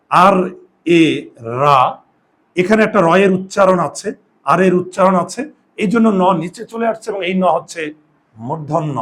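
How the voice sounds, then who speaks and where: A Bengali grammar teacher runs a spelling lesson for a room of students, explaining each step and supplying answers to his own questions. He speaks in a high-pitched voice.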